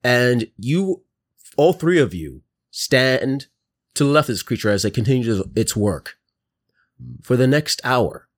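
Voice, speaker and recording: Male game master, husky and lively tone, descriptive narration. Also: medium pitch, a little slow.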